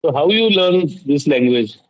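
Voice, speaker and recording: A man's voice: a little high, expressive, normal speed. A middle-aged man chatting casually in non-native English phrasing, often repeating his phrases. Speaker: guest in an English practice conversation. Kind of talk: casual chat. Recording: dull lo-fi call audio.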